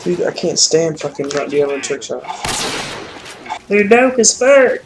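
A young woman hosting a gaming channel, giving casual, profane gameplay commentary with loud outbursts. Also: low-pitched, sing-song, a little slow. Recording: noisy game audio behind voice.

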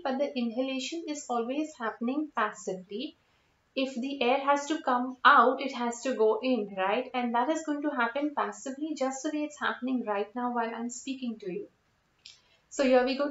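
A woman's voice: fairly high pitch, a bit bright. Young female yoga teacher for step-by-step instruction; methodical delivery, slightly dull recording in a reverberant room. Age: young adult. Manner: methodical, explanatory, repeats key cautions. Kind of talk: spoken instructional demonstration. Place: indoor room at home, seated on floor.

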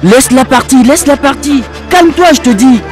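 An actor playing a passerby trying to calm an angry vendor. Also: male voice, very high-pitched, fairly quick, over music, crowd noise. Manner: soothing. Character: calm male passerby soothing a quarrel.

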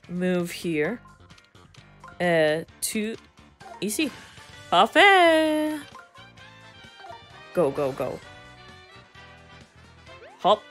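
Very slow, halting woman playing a game. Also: fairly low pitch. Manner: switches between English and learner French, with excited exclamations; reads dialogue slowly and haltingly, with stumbles. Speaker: gamer playing through a video game. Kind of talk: casual let's-play commentary, reading game text aloud in French. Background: faint video game music.

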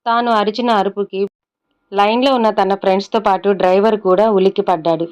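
A woman's voice: medium pitch, fairly even intonation, fairly quick, a little mellow. A woman narrating a love story in a conversational storyteller manner. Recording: dull lo-fi recording.

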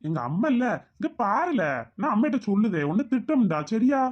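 A woman voicing an easygoing, doting father, calm and soothing. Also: a little high, moderate pace, highs cut off.

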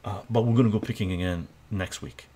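An older man streaming live from his home kitchen, talking in a soft-spoken, relaxed way, reading viewer comments aloud and often ending with "right?". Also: lowish voice, fairly quick, slightly rough. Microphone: webcam framing at the counter.

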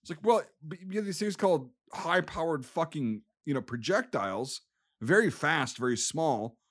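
With a husky, fairly high-pitched voice and lively intonation, this Wisconsin-born co-host talks war history on a casual podcast at a moderate pace. He explains emphatically in his Wisconsin accent, peppering his points with swear words.

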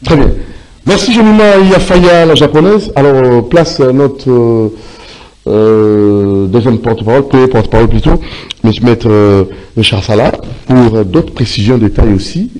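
A man's voice: medium pitch, moderate pace, darkish tone, low-quality recording. A man, hosting an interview and speaking hesitantly with many fillers. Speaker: interview host.

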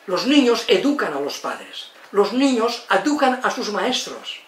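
An older man in his eighties from Spain lectures in a lively way and acts out the voices of people he tells about. His voice is high for a man and sounds distant from the mic. The room is echoey, with a faint hiss behind him. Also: unhurried. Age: 80s. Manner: expressive, tag questions, acts out quotes. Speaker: lecturer on psychology and education.

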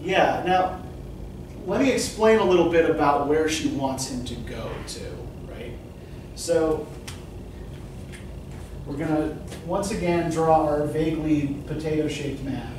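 Speaking in an unhurried, fairly high voice, a middle-aged man teaches literature to a class, keeping the lecture conversational with questions and frequent "right?" check-ins. The classroom, whiteboard and all, is recorded by a distant camera at the back, leaving the audio echoey and noisy.

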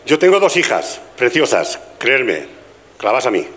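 A man's voice: medium pitch, big pitch swings, unhurried, a bit bright. An older man from Spain with a Spanish accent, doing a chatty stand-up comedy routine at a gala and teasing the audience. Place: live stage with audience.

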